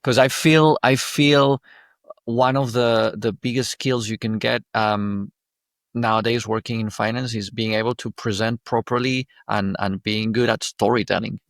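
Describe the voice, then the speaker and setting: A man with a Spanish accent hosting a podcast, asking questions in a halting, friendly way with many restarts. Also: lowish voice, fairly even intonation, a bit bright, dry recording, studio quality. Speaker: podcast host. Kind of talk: casual interview talk.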